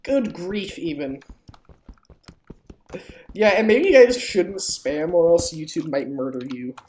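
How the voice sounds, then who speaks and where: On a noisy home stream punctuated by keyboard clicks, a woman swears casually through her live game commentary and playfully pleads with viewers. Her low-side voice is expressive, slow, and a little mellow.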